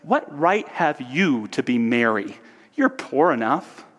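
A man voicing a grumpy, miserly old man who talks in a gruff, dismissive way. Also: medium pitch, very animated, slow pace, a bit bright, heavily acted. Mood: scornful. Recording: long hall reverb.

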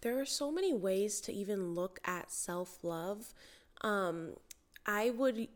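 A woman's voice: medium pitch, animated, takes it slowly. A woman hosting a solo podcast in a casual, chatty way, with a stuffy, congested nose from a cold. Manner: chatty, informal. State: has a cold. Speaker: podcast host and mindset coach.

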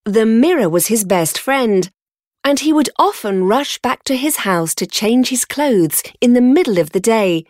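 A woman narrating a storybook in a measured, expressive reading. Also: a little high, no room sound, studio quality.

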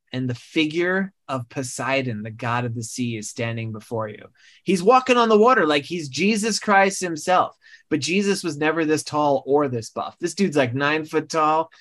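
Male host, slightly high voice, loose improvised comic narration with self-corrections. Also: a bit bright. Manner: rambling, self-correcting, laughing at own jokes. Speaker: podcast host. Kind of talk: comedic improvised storytelling.

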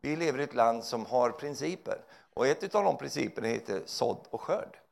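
Gravelly, animated male preacher. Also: mid-range voice. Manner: animated, joking, tags lines with "va?". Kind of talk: sermon.

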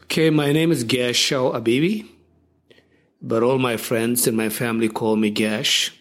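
Older man, mid-pitch voice, reflective and halting storyteller, interview guest. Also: steady tone, background noise. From Ethiopia.

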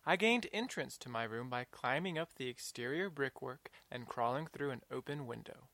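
A woman voicing a polite, earnest young male robot student who speaks in a calm, plain way with a faint hesitancy. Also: rumbling low, normal speed, no room sound, voice pushed down, heavily acted.

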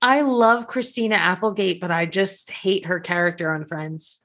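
A woman's voice: on the low side, normal speed, fairly bright tone. A woman co-hosting a podcast over a video call, chatting casually and laughing often, her voice echoing like she's in a cave. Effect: cave-like echo. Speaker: podcast co-host. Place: different location than usual, echoey room.

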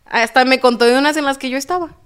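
A woman with a Mexican accent, a podcast guest telling her own story in a lively way and acting out the dialogue. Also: high-pitched, quick pace, clean tone. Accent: Mexican Spanish. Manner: animated, acts out quoted dialogue.

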